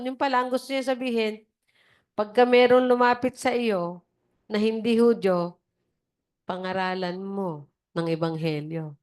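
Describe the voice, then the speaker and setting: Woman preacher on a video call, chatty sermon style, plays the people she quotes and keeps asking her listeners to agree. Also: a little high. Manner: conversational, acts out quoted voices, asks "di ba?". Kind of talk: casual sermon.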